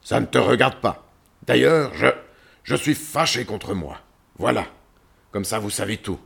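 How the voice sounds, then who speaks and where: A sulky, growling lion in a children's story, lonely and quick to anger, as a man puts him on. His voice is deep and gravelly, with a husky edge. He speaks slowly. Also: animated, a bit bright, exaggerated voice. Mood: angry. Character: grumpy lonely male lion, king of animals.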